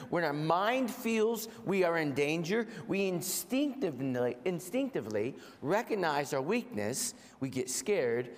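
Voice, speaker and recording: A man with a head cold and a gravelly voice preaches a sermon in a measured, deliberate way, repeating phrases for emphasis. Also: on the high side. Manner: measured, deliberate delivery with rhetorical repetition. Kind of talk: sermon to a congregation. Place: large reverberant room, speaking to a congregation. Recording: echoey hall with long reverb.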